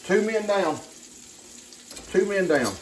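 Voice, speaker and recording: Slow but animated, with a voice that sits high, a man chats playfully and uses pet names while cooking as host of a casual home cooking video. He's in an indoor home kitchen, captured by a camera a few feet away on the counter, and the roomy room has some background noise.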